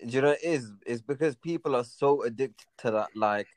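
A young man with a London roadman accent, chatting casually in a halting, slangy way and often circling back over phrases. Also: medium pitch, darkish tone, no room sound. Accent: London roadman, urban slang. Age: young adult. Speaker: podcast speaker. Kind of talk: casual chat.

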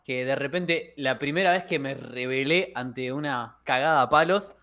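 A man with a Rioplatense Spanish accent co-hosting a podcast, telling stories in a lively way and acting out the dialogue, recorded over a video call. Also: mid-range voice, moderate pace. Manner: lively storyteller who acts out dialogue. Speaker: podcast co-host. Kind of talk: casual chat, storytelling.

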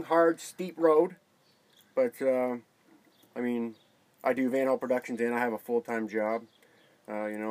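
A man's voice: medium pitch, dry recording, low-quality recording. Guy chatting casually as a guest, stumbles n repeats words a lot, average voice. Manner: halting, repeats words as he talks. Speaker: interview guest, videographer. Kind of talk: casual chat.

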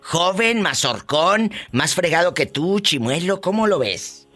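A man's voice: sits high, animated, measured pace, bright, forceful tone, slight background noise. A Mexican man hosting a talk show, playful and theatrical, repeating his phrases with emphasis. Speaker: show host.

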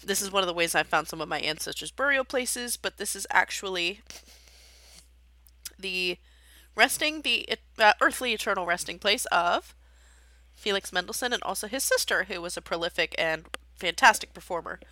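A woman's voice: mid-range voice, lively intonation, moderate pace, sharp tone, dry recording. A woman hosting a podcast, an amateur pianist talking casually about her practice and a composer's life, with many fillers and rambling asides. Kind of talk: casual solo chat.

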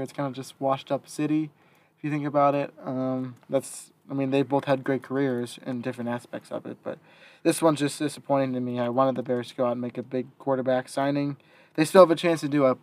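A young man hosts a casual sports chat at an even, mid-range pitch. He reads quotes aloud, then adds his own take with small pauses and fillers. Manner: reads out quotes, then gives opinions with hesitations. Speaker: podcast host.

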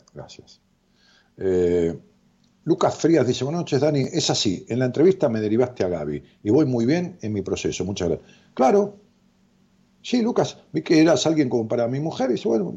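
Es un psicólogo con acento rioplatense que transmite en vivo, lee lo que escribe su audiencia y conversa sin apuro, entre bromas, divagaciones y abundantes muletillas. Su voz masculina es ronca y de tono medio, y la grabación suena opaca y lo-fi.

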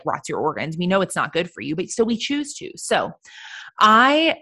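A woman's voice: sits low, a bit bright. A woman coach talking earnestly and emphatically in a podcast interview. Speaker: sobriety coach.

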